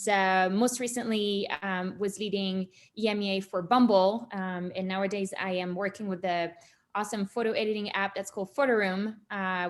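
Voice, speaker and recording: A woman introducing herself on a panel, speaking in short hesitant phrases with frequent ums. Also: medium pitch. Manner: hesitant, many fillers. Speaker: panelist, growth executive. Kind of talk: casual panel talk.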